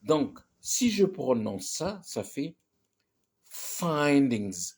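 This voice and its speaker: A man teaches English pronunciation in French, in a loose, halting way, circling back and restarting his sentences. His voice sits a little low and sounds husky. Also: animated, darkish tone. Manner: repetitive, halting, with many restarts and "hein", "ok?". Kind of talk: casual spoken lesson.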